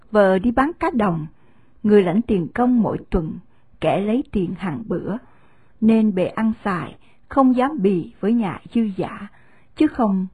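Husky-voiced woman reading a novel aloud. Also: mid-range voice, dry recording. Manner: steady, measured storytelling. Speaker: narrator. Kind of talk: scripted audiobook narration of a novel.

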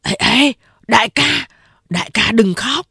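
A woman's voice: mid-range voice, animated, a little slow, dry recording, clean studio sound. A woman doing a fretful male sidekick. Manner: anxious coaxing, indignant rebukes. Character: loyal male underling, fussing and scolding.

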